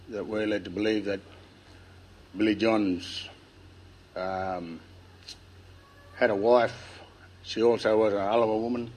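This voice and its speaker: A man with an Australian accent and a lisp tells family history informally to listeners, nervous and halting, with a dry mouth. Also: on the low side, darkish tone, low-quality recording. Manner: nervous, halting delivery with long pauses. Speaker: speaker telling family history. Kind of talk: informal public speech, oral storytelling.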